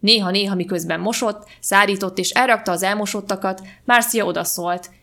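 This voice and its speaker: A woman podcast host reading a short story aloud in a calm, even storytelling manner. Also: medium pitch. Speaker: podcast reader.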